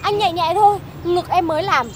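Very high-voiced pleading woman. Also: brisk. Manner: pleading, flustered. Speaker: hurried passenger. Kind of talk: comedy sketch acting. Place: outdoors on a city street. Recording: loud street noise outdoors.

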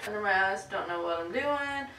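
A young woman co-hosting a casual vlog, loud and teasing, swearing and laughing a lot. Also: mid-range voice, expressive, a little fast. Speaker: vlog co-host. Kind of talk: casual tipsy chat. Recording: echoey room, camera mic from a distance, noticeable noise.

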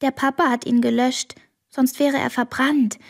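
A woman reading the part of an earnest, upset little girl, with her voice raised to a childlike pitch. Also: flat delivery, a little slow, creaky, heavily acted. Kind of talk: audiobook reading.

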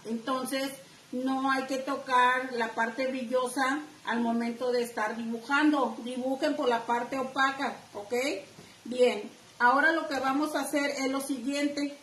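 A middle-aged woman with a northern Mexican accent leads a live craft class from her home, chatty and talking straight to her viewers. Her voice sits high and her pace is unhurried. The room is echoey, with a faint hiss underneath. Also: a bit bright, far from the mic. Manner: chatty, addresses viewers directly. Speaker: craft teacher.

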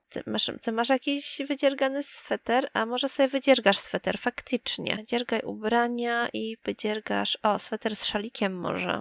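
Teasing the characters and speaking to them directly, a young woman gives casual let's play commentary on a life-sim game for her gaming YouTube channel. She has a slightly high, creaky voice with a fairly bright tone. The audio is studio quality with no room sound.

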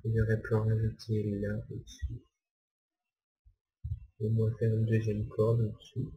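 A man's voice: on the low side, monotone, a little slow, dull audio. A young man giving rambling, hesitant commentary while playing a game, repeating himself often. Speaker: gamer. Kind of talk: casual gameplay commentary.

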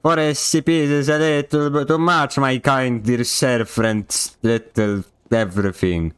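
His mid-range voice is steady and clean, moving at a measured pace, as this young man from Poland streams a game. In a Polish accent, he delivers casual commentary that's joking, sarcastic and mock-indignant.

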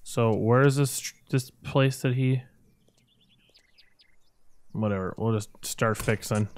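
Casting: male gaming host, medium-pitched, jokey and self-mocking, thinking out loud as he plays. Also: fairly even intonation, slow pace, slight background noise. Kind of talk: casual gameplay commentary.

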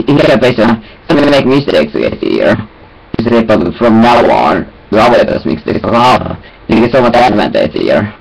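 Low-pitched, creaky and a little mellow, a young man's voice mumbles casual self-talk at a webcam. He rambles in disjointed phrases with sing-song filler sounds, sitting indoors in a small cluttered room, and the recording is rough.

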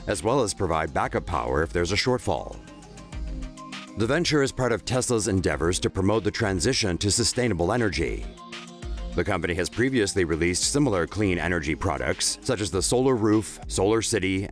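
A man narrating a scripted news report in a measured, informative voice-over. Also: low voice, lively intonation, faint music behind.

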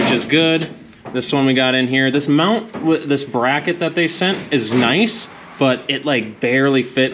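A man's voice: mid-range voice, fairly bright tone. A young man giving viewers a chatty update on brake repairs in a home garage. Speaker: co-host of a car repair channel. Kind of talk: casual garage chat. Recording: noisy garage with clicking tools.

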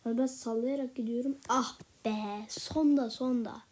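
Woman gaming host, soft half-whispered chatter, husky, slightly sick voice, warm and higher-pitched. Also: steady tone, measured pace. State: a little sick, voice slightly rough. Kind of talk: casual gameplay commentary.

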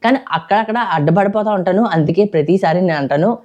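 Fast-talking young man vlogging. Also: sits high, darkish tone, highs cut off. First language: English. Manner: rapid, chatty, repeats and corrects himself. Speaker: travel vlogger. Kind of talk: casual vlog talk to camera.

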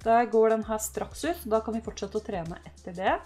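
A young woman from Norway talks her way through a life-sim game in a chatty, casual flow, breaking into loud cheers for her sim. Her voice sits a little high. Soft game music plays faintly in the background. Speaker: gaming YouTuber. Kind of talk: casual let's-play commentary.

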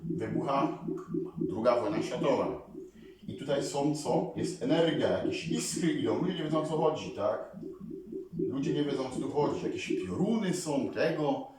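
A man talking casually to his viewers as a vlogger, rambling and animated, often calling on them to listen. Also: mid-range voice, moderate pace. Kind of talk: casual talk to camera. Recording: very echoey room, mic far away.

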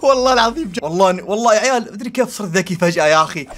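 Frantic high-voiced young man gaming. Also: animated, racing, fairly bright tone. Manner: frantic, yelping and pleading, laughing. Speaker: gaming YouTuber. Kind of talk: live gameplay commentary.

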